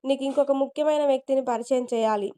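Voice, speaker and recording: A soft-spoken grown niece talks warmly to her uncle, as a woman storyteller voices her. Her voice is quieter, fairly high and clear. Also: fast talker, close to an everyday voice. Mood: affectionate. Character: grown niece, warm and teasing.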